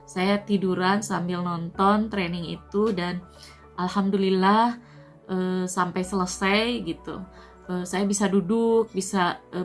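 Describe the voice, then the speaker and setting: A woman from Indonesia talks through a personal story in an earnest, unhurried way, her phrases often tapering off softly. Her voice sits at an ordinary middle pitch. Faint music plays underneath. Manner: soft, earnest, often trailing off with "gitu". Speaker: Indonesian migrant worker sharing her COVID recovery. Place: at home.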